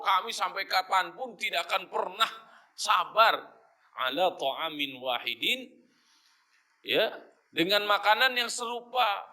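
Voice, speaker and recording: A man with a fairly high, bright voice gives a Quran study lecture. He breaks down each Arabic phrase and explains it in a lively, teasing way. He slips easily into casual slang along the way. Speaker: Quran teacher.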